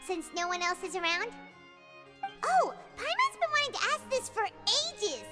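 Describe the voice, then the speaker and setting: A woman voicing a tiny, curious, blunt fairy companion in a video game, with a squeaky childlike voice. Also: big pitch swings, unhurried, loud music behind the voice, full character voice. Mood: inquisitive, hesitant. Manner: refers to self in third person, blurts questions. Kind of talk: video game character acting.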